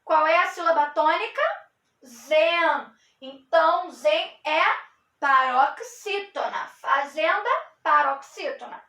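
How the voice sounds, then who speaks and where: A woman teacher gives a review lesson to children, slowly stretching out syllables and answering her own questions. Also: sits high, sharp tone, echoey room. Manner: slow, clearly paced, stretching out syllables; asks questions, then answers them.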